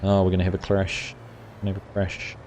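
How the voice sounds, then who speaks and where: Poor audio and slight background noise accompany this middle-aged New Zealand man's low-pitched, quick speech. On his live gaming stream he casually reads viewer comments, relaxed and chatty, using lots of fillers and replying to chat by name.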